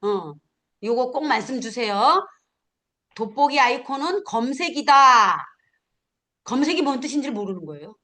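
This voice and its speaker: A middle-aged woman teaching a class of future smartphone instructors, animated, acting out learners and firing off questions. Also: high voice, moderate pace, long pauses. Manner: animated, acts out learners and scolding, punchy questions. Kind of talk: lively classroom lecture.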